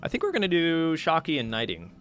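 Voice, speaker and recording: A man's voice: a little high, fast talker, soft background music. Chatty man casting game matches. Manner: relaxed, chatty, thinks aloud with fillers. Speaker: stream host and match caster. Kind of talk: casual live game commentary.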